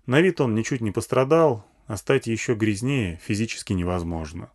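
A man's voice: on the low side, moderate pace. A man narrating a first-person post-apocalyptic audiobook in a dry, matter-of-fact way. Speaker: audiobook reader.

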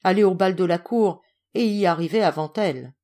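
A woman's voice: lowish voice, a little fast, dark tone, close to an everyday voice. A woman voicing Cinderella, a sixteen-year-old servant girl who pleads in a childlike, pouting way. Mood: pleading.

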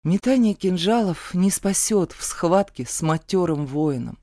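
A woman reading an audiobook, voicing a stern, protective young male warrior with a low, gruff growl and curt, firm refusals. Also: animated, a little slow, dark tone, dry recording. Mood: teasing. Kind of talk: audiobook character voice.

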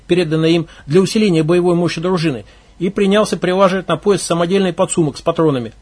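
A man narrating a story in a steady, plain reading voice. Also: high voice, breathy edge. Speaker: audiobook reader.

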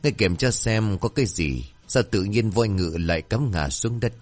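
A man's voice: lowish voice, expressive, moderate pace, soft background music. A man voicing a king who gives a soldier orders in a folk tale. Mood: commanding. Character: puzzled commanding king.

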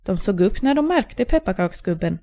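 A woman narrating a fairy tale aloud in a calm, clear storytelling manner. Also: medium pitch.

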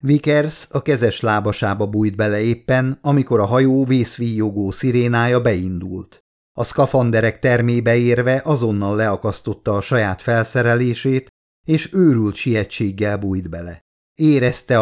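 A man reading his own book aloud as an audiobook narrator, steady and dramatic. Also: mid-range voice.

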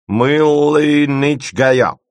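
Guy voicing a perky young girl, teasing and quick with made-up words, pitched way up in a storybook reading. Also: dry recording, clean studio sound. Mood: playful. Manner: bright, teasing, rapid-fire offers. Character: quick-witted young girl, playful word-inventor.

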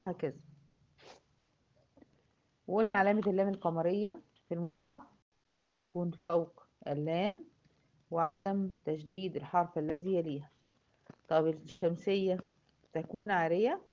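Egyptian woman as recitation teacher, patient, repeats examples, fairly low voice, muffled lo-fi recording. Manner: patient, asks and answers her own questions, repeats examples slowly. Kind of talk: classroom lesson. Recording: dull lo-fi recording.

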